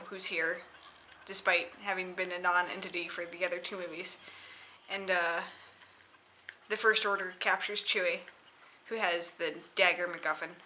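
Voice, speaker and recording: A woman giving a casual, tipsy, rambling film rant, sweary and sarcastic, halting and repeating herself for emphasis. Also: medium pitch, pushed and bright, a little hiss or hum. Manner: tipsy, loose drunken rambling. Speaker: solo vlogger reviewing a film.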